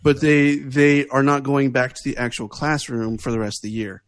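A man in his thirties from the United States, a guest giving his opinions in casual podcast chat, earnest and halting with fillers. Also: mid-range voice, flat delivery. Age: 30s.

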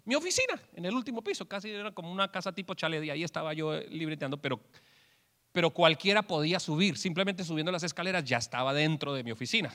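Male preacher, bright, high voice, joking animated sermon, hall echo. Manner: animated storyteller acting out quotes. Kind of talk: humorous sermon with jokes. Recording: long hall reverb.

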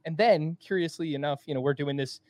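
A man's voice: a little high, brisk, darkish tone. A man in casual podcast chat, matter-of-fact and a little wry. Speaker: fantasy baseball analyst.

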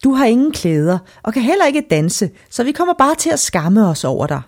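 A woman's voice: a little high, very animated, pitched above the performer's own voice. A woman voicing a cold, scornful middle-aged stepmother who talks down with sneering dismissal.

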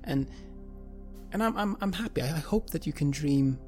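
A woman game master who narrates and speaks for a doctor, in a soothing, gently repetitive manner. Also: low-pitched, animated, moderate pace, soft background music. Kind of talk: narrating and voicing a kind doctor.

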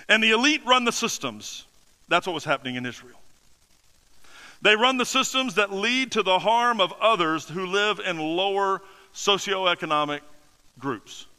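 A man's voice: high voice, sharp tone, long reverb tail, low-quality recording. A man preaching a sermon with emphatic delivery, rhetorical questions and dry humor. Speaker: pastor.

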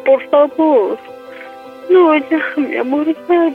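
A high-voiced woman pleads tearfully over the phone. Her voice comes through a thin, tinny phone line. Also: takes it slowly, soft background music. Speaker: prank call target.

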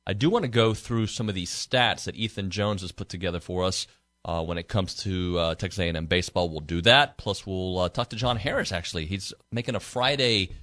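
A man's voice: low-pitched, a little fast, a bit bright, no room sound. A man hosting a casual sports talk radio show from a studio, reading stats and sponsor spots in a playful way. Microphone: studio mic.

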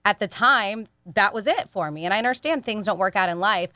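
A woman's voice: mid-range voice, expressive, a little fast, sharp tone, no echo, studio quality. A woman in her forties co-hosting a podcast, talking casually and candidly and laughing easily. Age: 40s. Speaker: podcast co-host. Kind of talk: casual chat.

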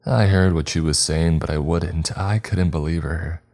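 A man narrating a first-person horror story in a measured, tense way. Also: sits low, fairly even intonation, creaky, darkish tone, faint music behind.

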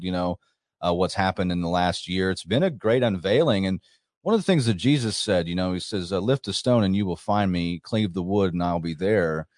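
Low-voiced male call-in show host. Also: darkish tone, no echo, clean studio sound. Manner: conversational, many fillers and restarts.

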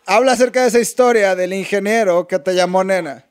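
A man preaching a sermon, telling a story in an animated way and often correcting himself mid-sentence. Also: high voice, fairly quick, smooth.

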